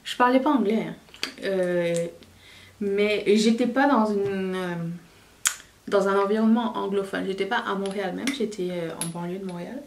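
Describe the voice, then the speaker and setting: A woman's voice: medium pitch, moderate pace, distant mic, a little hiss or hum. Chatty woman vlogging in a roomy space. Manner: chatty and candid, often restarting sentences. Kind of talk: casual chat to camera. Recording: roomy, voice a bit away from the mic.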